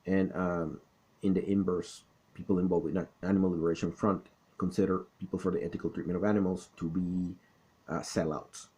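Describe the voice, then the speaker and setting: A middle-aged man from South Florida with a Florida accent, explaining things in a deliberate, didactic monologue. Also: low-pitched, little pitch movement, darkish tone. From South Florida, born in the Caribbean. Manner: didactic, deliberate, checks in with "okay?". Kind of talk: explanatory monologue, political talk and recollection.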